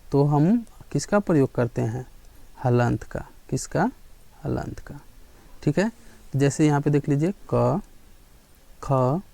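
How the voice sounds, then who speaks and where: A male teacher giving a grammar lesson in a classroom style, often pausing to check in and asking questions that he then answers himself. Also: mid-range voice, creaky, dark tone, no echo. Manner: checks in with students again and again, asks and answers his own questions.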